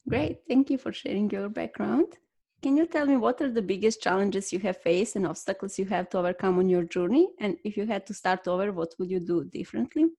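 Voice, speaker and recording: A woman's voice: medium pitch, fairly quick, warm tone, slightly rough. Polite woman podcast host. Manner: polite, scripted questions. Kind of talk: interview hosting.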